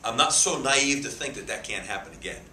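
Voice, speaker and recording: Man, 50s, football coach, press conference, forceful tone, faint hiss. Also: medium pitch, animated, a little fast. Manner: emphatic, repeats words, gestures a lot. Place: press room with a sponsor backdrop. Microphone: table mic cluster. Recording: echoey room, faint hiss.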